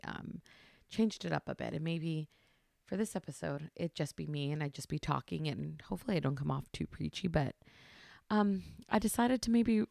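A woman's voice: deep voice, creaky, no echo, studio quality. A woman in her thirties hosting a podcast at home, talking in a casual, rambling solo monologue and keeping her voice down. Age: 30s. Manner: chatty, rambling, many fillers; hushed, trying not to be loud. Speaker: podcast host. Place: home at night.

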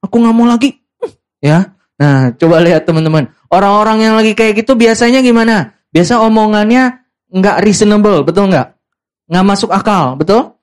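A man's voice: high-pitched, normal speed, clean tone. A young man preaching a casual youth sermon, teasing the congregation and acting out quoted lines.

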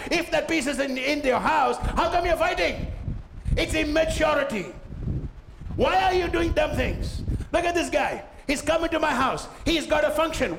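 A man preaching a sermon as pastor, forceful, firing rhetorical questions and having the congregation repeat lines after him. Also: very high voice, vocal fry, slight background noise.

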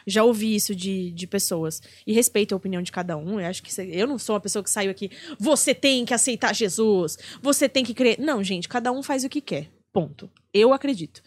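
A woman's voice: on the high side, breathy edge. A woman comedian, a guest on a podcast, chatting casually and swearing freely.

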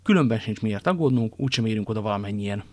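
A man's voice: on the low side, expressive, a little mellow, dry recording. A man plays a young, determined guardsman who leads his friends. He talks firmly and earnestly. The storybook recording is dry and close. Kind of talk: audiobook character reading.

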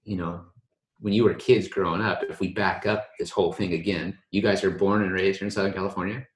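A man's voice: low-pitched, flat delivery, fairly quick, slight background noise. An American man hosting a casual chat, rambling easily with restarts, recorded in an echoey room. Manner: laid-back, rambling with restarts. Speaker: host.

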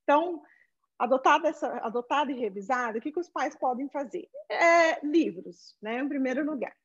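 A Brazilian woman teacher speaks in a fairly high voice, explaining her views in an animated way, with lots of restarts and little acted-out quotes of parents. The sound is dull and lo-fi, like a muffled video-call line. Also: a little fast. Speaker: Portuguese teacher and children's author. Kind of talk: conversational interview answers. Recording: dull lo-fi audio.

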